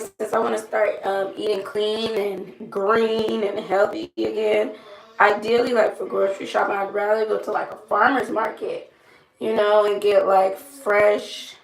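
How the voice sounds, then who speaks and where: Young woman, strained throaty creaky voice. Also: mid-range voice, steady tone, a little slow. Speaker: makeup vlogger. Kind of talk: casual chatty get-ready-with-me. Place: small room indoors. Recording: roomy echo, light background noise.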